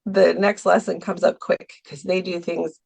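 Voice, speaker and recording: A woman's voice: lowish voice, little pitch movement, normal speed, vocal fry, darkish tone, husky. A woman guest on a podcast, talking casually about teaching art, hesitating with many ums and small laughs. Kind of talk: casual interview talk. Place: Milwaukee, US.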